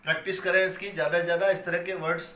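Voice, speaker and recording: A man's voice: high voice, level tone, racing, pushed and bright. A man teaching English grammar in Hindi, with Hindi-accented English terms, explaining patiently and answering his own questions. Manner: explains patiently, repeating key points and asking questions he then answers. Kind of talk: classroom lecture. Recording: echoey room with faint ambient noise.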